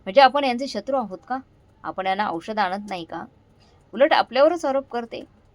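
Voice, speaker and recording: A woman voicing an angry young daughter-in-law who shouts accusations, in a dry, close recording. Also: on the high side, lively intonation, moderate pace, no room sound, natural voice. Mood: furious scorn.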